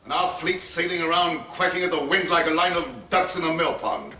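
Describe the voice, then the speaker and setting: A man's voice: fairly high pitch, fairly even intonation, brisk, bright, forceful tone. An actor playing an indignant aristocratic lord in a 1940s period film, pompous and oratorical as he makes accusations. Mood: accusing, scornful. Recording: roomy, noisy 1940s film soundtrack.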